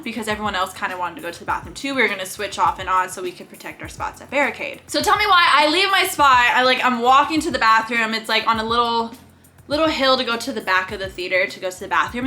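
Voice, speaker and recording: A young adult woman telling an animated storytime to her viewers, chatty and full of laughs. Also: a little high. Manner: animated, fast-talking storyteller with lots of "like" and laughs. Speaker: YouTuber. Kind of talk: storytime vlog.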